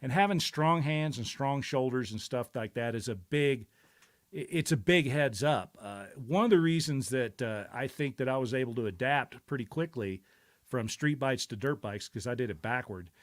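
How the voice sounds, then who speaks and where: A middle-aged man chats casually on his own stream, telling stories at length. He wanders through his thoughts with plenty of "uh"s and restarts, and his pitch sits in an ordinary middle range. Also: animated, moderate pace. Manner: rambling, reflective, many fillers and restarts. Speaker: show host. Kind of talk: casual live-stream chat.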